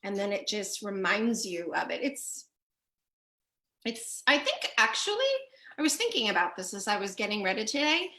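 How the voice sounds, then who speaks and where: A woman's voice: medium pitch, big pitch swings, moderate pace, sharp tone. A woman co-hosting a coaching livestream, chatting in a playful, jokey way. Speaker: co-host, life coach. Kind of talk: casual livestream chat. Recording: roomy echo.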